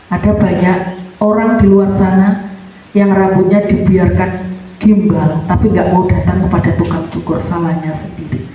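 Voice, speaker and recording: A woman's voice: flat delivery, moderate pace, warm tone, muffled recording, faint music behind. A woman preaching a sermon, emphatic and storytelling, in a large church hall. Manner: emphatic, storytelling, swinging pitch. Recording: echoey church hall, mic far off.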